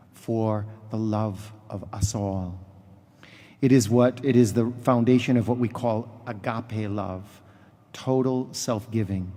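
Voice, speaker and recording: A man preaching a homily as a priest, haltingly, pausing in mid-sentence, in a reverberant church. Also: mid-range voice, warm tone.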